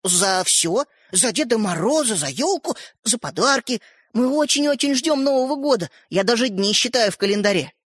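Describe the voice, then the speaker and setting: A man's voice: very high-pitched, lively intonation, normal speed, fairly bright tone, breathy edge, no room sound, clean studio sound, heavily acted. A man voicing an eager, earnest young schoolboy who is anxious to please, in a storybook reading.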